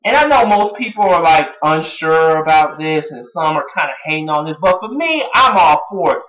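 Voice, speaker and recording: A wrestling show reviewer recapping an episode in a casual vlog, excitable and full of fan slang. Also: medium pitch, normal speed, rough recording. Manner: excitable, breaks into song and impressions.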